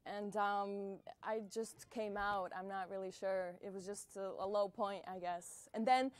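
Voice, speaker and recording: Speaking at a measured pace, a young Bosnian singer-songwriter fields interview questions in a small music venue. Her medium-pitched voice holds a steady tone, though her answers come out soft, hesitant, and full of fillers.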